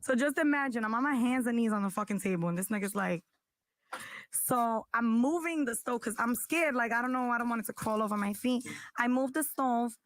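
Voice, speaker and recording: A woman, co-hosting a podcast and telling a loud, profane story, acting out the people in it. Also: fairly high pitch, brisk, no echo. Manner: profane, lively storyteller, acts out quoted voices. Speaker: podcast co-host.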